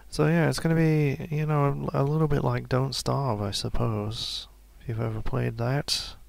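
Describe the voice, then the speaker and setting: A man giving relaxed, casual commentary while playing a game, musing to himself and laughing softly now and then. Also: mid-range voice, moderate pace, creaky, no echo. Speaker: let's play gamer.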